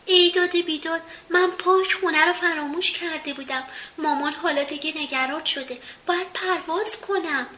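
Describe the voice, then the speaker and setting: A woman doing a high, eager little boy. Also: animated, few pauses, bright, forceful tone. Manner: eager, exclamatory. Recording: roomy with faint hiss.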